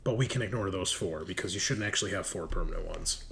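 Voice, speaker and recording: A game master runs a tabletop session, laying out rules and painting scenes in a casual, teasing, profane style. His voice is low and a bit bright, and he talks fast. Music plays behind him, adding slight background noise.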